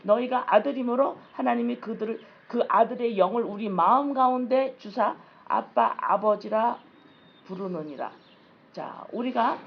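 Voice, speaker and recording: A woman's voice: on the high side, creaky, dull audio, slight background noise. A woman pastor preaching a sermon in a conversational, repetitive way and reading scripture aloud. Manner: conversational, repetitive preaching that acts out little dialogues.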